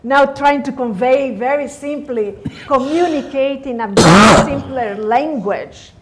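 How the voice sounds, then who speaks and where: A woman's voice: high-pitched, unhurried, heavy background noise. A woman speaking as a scientist on a panel, hesitant, with many "you know"s and "uh"s. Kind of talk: panel discussion remarks.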